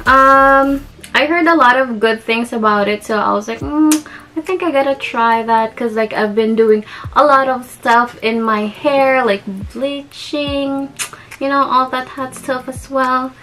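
A young beauty vlogger with a Filipino accent, from the Philippines, goes through a haul with chatty giggles, frequent ums and restarts. Her high voice is pushed and bright, with a steady tone and a measured pace. The recording is rough.

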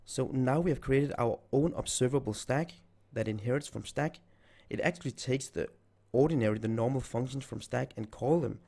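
This man's mid-range voice is creaky and warm, and he's close to losing it entirely. He talks through a screen-recorded coding tutorial as a programming tutor, thinking aloud while he types code.

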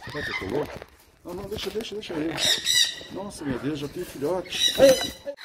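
A man talks in a chatty, excitable way, cooing at his animals as he goes. His pitch swings wildly, leaping up and dropping back down. A heavy noise bed sits under the voice, with birds squawking in the background. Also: brisk. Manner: excited, chatty, coos at the bird. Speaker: parrot breeder. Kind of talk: casual vlog narration.

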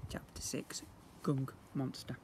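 A man in his fifties reads expressively to young children outdoors near brick houses, acting out the story's sound words. He keeps a slow pace. The phone or camera, about an arm's length away, picks up a noisy background.

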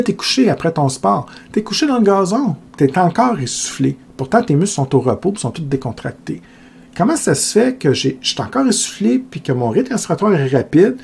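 Gravelly warm Québécois teacher. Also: male voice, a little high. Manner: conversational explaining, addresses students as "tu", asks questions aloud. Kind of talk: recorded lecture video.

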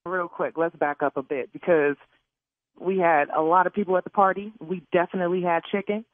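A woman's voice: lowish voice, steady tone, fairly quick, dry recording. A woman on a phone call, outraged and cursing. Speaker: prank call target. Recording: tinny phone line.

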